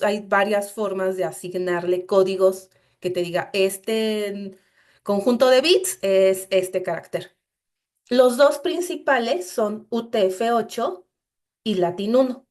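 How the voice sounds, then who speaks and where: A woman teaching a screen-share coding lesson, explaining each step to her students and often saying "entonces". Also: fairly high pitch. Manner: explanatory, addresses students directly with frequent "entonces". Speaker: instructor.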